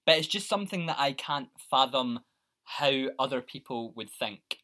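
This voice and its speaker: A man's voice: mid-range voice, animated, normal speed, sharp tone. A man guesting on a podcast, chatting playfully and laughing through his stories. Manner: playful, laughing, swooping delivery. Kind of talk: casual chat.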